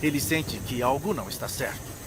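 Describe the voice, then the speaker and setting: A man's voice: medium pitch, expressive, a little fast, noisy background. A man narrating a scripted nature documentary in a dramatic manner. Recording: loud music behind the voice. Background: loud music.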